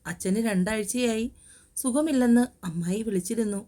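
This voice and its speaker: A woman voicing an affectionate young wife in an audio love story, soft and coaxing in a mellow tone. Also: on the high side, moderate pace, lightly acted. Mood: tearful. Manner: tender, coaxing.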